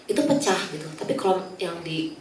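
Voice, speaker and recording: A young woman who is a children's educator, chatting casually and telling lively stories, laughing often and acting out children's voices. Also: lowish voice, fairly quick. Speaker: guest speaker, children's educator. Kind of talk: casual talk show chat. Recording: echoey room, distant mic, faint noise.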